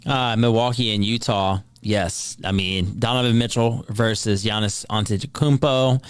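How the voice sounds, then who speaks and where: A man's voice: fairly low pitch, steady tone, normal speed, smooth, no room sound. A man in his late twenties co-hosting a sports podcast, joking and rambling in casual chat. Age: 20s. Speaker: podcast co-host.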